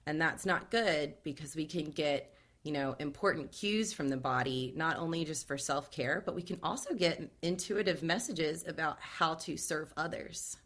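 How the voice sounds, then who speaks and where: A woman with a notably low voice speaks as a guest on a podcast. She explains in a calm, measured, steady way, like someone used to guiding others. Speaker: trauma awareness guide, podcast guest. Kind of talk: casual podcast conversation.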